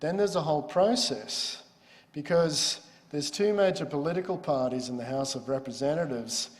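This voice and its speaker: A man's voice: on the high side, normal speed. Man lecturing in a reverberant hall. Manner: explanatory, conversational teaching. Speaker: law lecturer. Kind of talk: university lecture.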